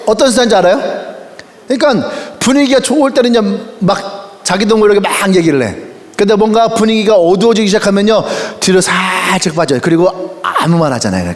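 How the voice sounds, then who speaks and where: A male pastor delivers a sermon in a high, bouncing voice that swoops up and down. He tells stories playfully, acting out quoted voices and laughing often. The sound carries a long reverb from a large auditorium. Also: animated, brisk.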